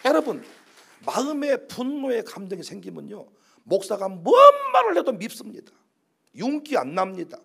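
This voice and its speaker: A male pastor preaching a sermon, swinging from loud emphatic declarations to low quiet asides and acting out quoted prayers in slow dramatic voices. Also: creaky.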